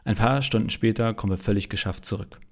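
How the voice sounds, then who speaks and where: A man's voice: fairly low pitch, quick pace. A male pastor narrating a humorous story in a dry, wry manner.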